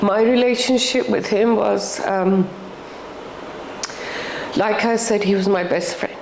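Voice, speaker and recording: An older woman with a British accent, talking reflectively about her own life in an earnest, halting way, repeating words for emphasis. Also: medium pitch, fairly even intonation, gravelly. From England. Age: older, around 60. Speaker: interviewee. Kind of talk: reflective personal conversation. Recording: echoey room with faint background noise.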